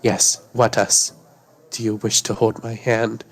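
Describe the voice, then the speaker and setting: A prim, meddling man in a live role-play game who speaks in stiff, overly formal phrases, as a man plays him. The voice is low and unhurried. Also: little pitch movement. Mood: calm, formal.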